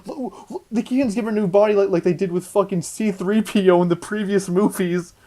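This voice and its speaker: A young man co-hosting a casual podcast movie discussion, excitable, swearing a lot and stumbling over restarts. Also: high-pitched, a little fast. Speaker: podcast co-host.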